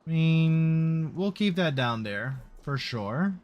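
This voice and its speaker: A young man streaming a game, speaking slowly and casually as he works through puzzles. He mutters and talks himself along in a relaxed way. Soft game music plays behind him. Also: on the high side, muffled recording. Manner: laid-back, muttering, thinking aloud. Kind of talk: casual gameplay commentary.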